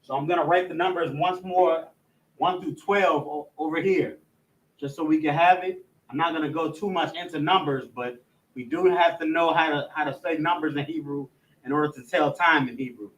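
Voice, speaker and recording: Reciting the alphabet for his language students, this man speaks in a somewhat high, steady, slightly bright voice. The recording is rough, and his speech halts with frequent fillers and restarts.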